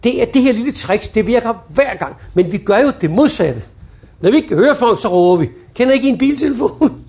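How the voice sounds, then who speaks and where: A man teaching customer service on the phone, acting out little phone dialogues in quick voices. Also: extremely high pitch, lively intonation, darkish tone. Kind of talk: lively training talk.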